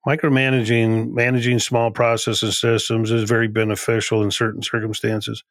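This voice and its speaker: A man's voice: medium pitch, little pitch movement, moderate pace, dry recording. A man, a company CEO, guesting on a podcast and explaining leadership in an emphatic way, often repeating and restarting phrases. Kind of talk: conversational podcast interview.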